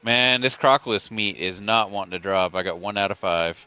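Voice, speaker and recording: A man's voice: on the low side, fairly quick, smooth, lo-fi sound. A man playing a game with friends, giving short callouts about his progress. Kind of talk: casual gaming chat. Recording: loud game music behind.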